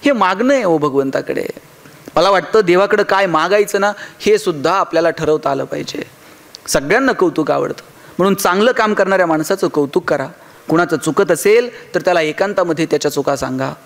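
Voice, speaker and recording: A man's voice: high-pitched, expressive, a little fast, gravelly. A man giving a motivational speech, telling stories, acting out dialogue and asking the audience rhetorical questions. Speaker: motivational speaker.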